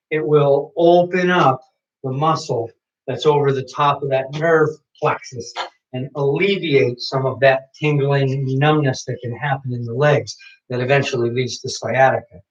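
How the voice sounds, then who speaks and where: Guy calmly talking people thru a kettlebell warmup, kinda muffled recording. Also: fairly high pitch, measured pace, far from the mic. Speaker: kettlebell instructor. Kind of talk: instructing a workout. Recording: dull lo-fi sound.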